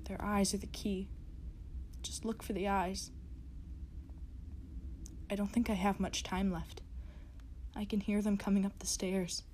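A woman reading a horror story as a frightened diary writer, in a hushed, whispering narration. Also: mid-range voice, level tone, unhurried, long pauses, a little hiss or hum, natural voice. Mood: fearful. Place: closet.

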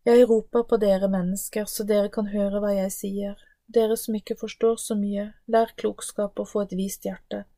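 A woman's voice: mid-range voice, flat delivery, few pauses, mellow, no room sound, natural voice. A woman reading the part of personified Wisdom, an ancient female voice that proclaims solemnly. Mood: proclaiming. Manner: solemn, declaiming. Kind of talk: scripted Bible reading.

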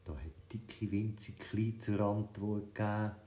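A man reading a children's story, in a lively, expressive telling. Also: on the low side, measured pace. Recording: roomy echo.

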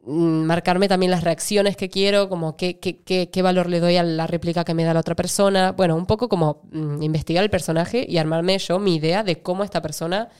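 Argentine woman, actress guest; lowish, clean voice, chatty and rambling. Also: fairly even intonation, darkish tone, clear, resonant tone. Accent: Argentine Spanish. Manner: explains at length, with many fillers and quick laughs. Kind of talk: casual interview chat.

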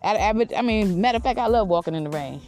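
A woman's voice: mid-range voice, animated, fast, a little mellow, faint music behind. A woman podcast host calling out from her backyard, ranting casually in a brash, defiant, profane way. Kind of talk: casual rant with rhymed boasts. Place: outdoors in a backyard.

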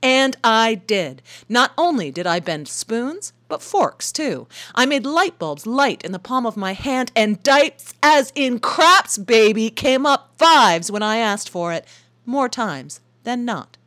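A woman's voice: a little high, sing-song, slow, fairly bright tone. A woman hosting a short radio feature, telling her story as scripted narration in a wry, enthusiastic way.

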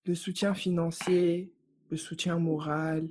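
A woman's voice: fairly low pitch, slow, breathy edge. A young woman from Africa chatting casually on a podcast, telling stories emphatically. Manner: emphatic, animated storytelling. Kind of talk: casual chat.

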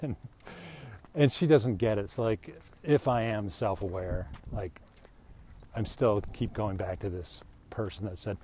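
On his own podcast, a fifties-aged man rambles in a chatty, self-deprecating style, frequently adding "right?". He speaks unhurriedly in a low-leaning, mellow voice, and there's slight hiss or hum on the recording.

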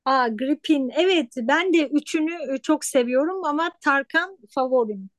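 A woman's voice: high voice, animated, moderate pace, dry recording. A woman hosting a casual interview, asking her guest questions. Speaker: host, interviewer.

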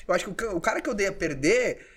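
A man's voice: sits high, expressive, quick pace, fairly bright tone, slightly rough. A man hosting a casual interview, reflecting on his guest's points and asking questions. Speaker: podcast host.

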